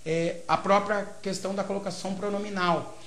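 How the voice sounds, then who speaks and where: A Brazilian man with a Brazilian Portuguese accent teaches a grammar lecture, walking through each step and checking in often with short tag questions. His high voice is steady, a bit bright, and brisk. There's a roomy echo on the recording.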